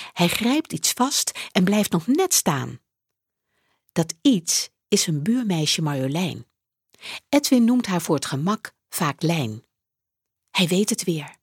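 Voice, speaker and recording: A woman reading a children's book aloud, slow and clearly paced, her voice rising and falling a lot. Her tone is fairly low and a bit husky, recorded dry and close. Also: no echo. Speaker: audiobook narrator. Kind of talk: scripted narration of a children's book.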